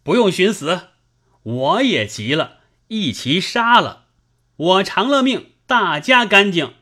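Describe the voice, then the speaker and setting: A woman's voice: very deep voice, very animated, slow, voice pushed down, heavily acted. A woman voicing a drunk raging young lord. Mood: furious. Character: drunk, hot-tempered young nobleman husband. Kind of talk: dramatized novel reading.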